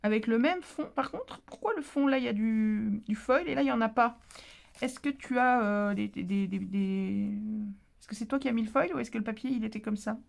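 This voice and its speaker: A woman's voice: on the high side, a little fast, creaky. A tired woman hosting a casual craft chat, playful and self-mocking as she opens mail. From France. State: tired, voice going. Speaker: craft channel host.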